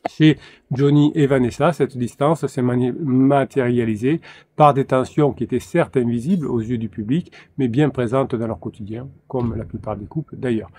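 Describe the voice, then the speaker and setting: Male relationship coach, solo talk, halting delivery full of fillers, mellow timbre. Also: medium pitch, a little hiss or hum. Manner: hesitant, frequent fillers and restarts.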